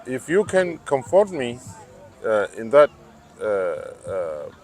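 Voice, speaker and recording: A middle-aged man speaks with a Tanzanian accent at a slow pace, in a medium-pitched voice. He answers casually in a street interview, often pausing to search for words. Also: sing-song, a little mellow. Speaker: interviewee, biochemical engineer.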